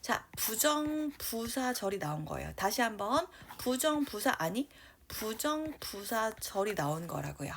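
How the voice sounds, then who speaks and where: A woman teaching a high school English grammar lesson. She talks lively, keeps checking in with her students, and reads English sentences out slowly as she writes them. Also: slight background noise. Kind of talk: online grammar lecture.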